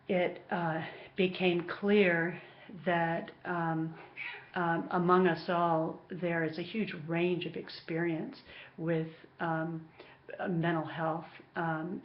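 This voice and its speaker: Woman course instructor, pensive and halting, flat intonation, unhurried pace, muffled lo-fi audio, informal class update. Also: low voice. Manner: hesitant, pausing, thinking as she speaks. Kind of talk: informal recorded class announcement.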